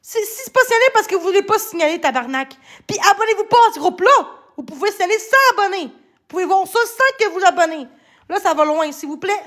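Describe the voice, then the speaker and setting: A woman with a Québécois accent rants to her livestream viewers in a very high, piercing voice. She swears constantly and breaks into shouts, speaking into a phone. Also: expressive, fast talker. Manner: ranting, heavy swearing, frequent shouting. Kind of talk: angry livestream rant.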